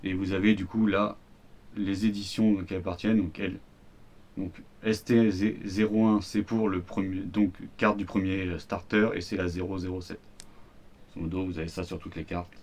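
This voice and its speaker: A man with a French accent, a card game YouTuber, casually runs through the cards in a starter deck, rambling along with fillers and slang in an easygoing unboxing commentary. His voice sits low and somewhat dark, with a level tone and a moderate pace.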